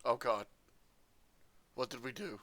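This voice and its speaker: A man playing in a tabletop game, excitable and jokey, swearing freely at his friends. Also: medium pitch, unhurried, a little hiss or hum. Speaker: player.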